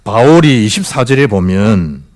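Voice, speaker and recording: Male pastor in his middle years, preaching in church, hugely animated pitch, quizzing the flock. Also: a little slow. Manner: animated preaching with rhetorical questions and swings from loud to hushed. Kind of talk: sermon. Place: church sanctuary.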